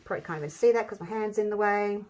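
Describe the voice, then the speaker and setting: A woman's voice: medium pitch, very fast, a little mellow. An Australian woman hosts a craft tutorial in a casual, chatty way. Her mid-range voice is slightly muffled, as it comes from behind a mask. She thinks aloud as she works. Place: indoor craft table.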